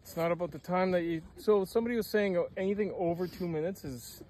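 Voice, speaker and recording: A man's voice: high-pitched, fast, darkish tone, a little hiss or hum. A man in ice-cold water chatting casually outdoors, picked up by a camera a few metres away. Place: outdoors in a frozen lake ice hole. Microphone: phone camera a few metres away. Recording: outdoor camera, chatter around, slightly distant.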